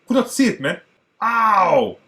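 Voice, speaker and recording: A man from Portugal in his thirties, a native Portuguese speaker, chatting excitedly to viewers as he reacts to an old film. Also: high-pitched, a little slow, gravelly, a little hiss or hum. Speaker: movie reaction host. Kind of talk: casual reaction commentary.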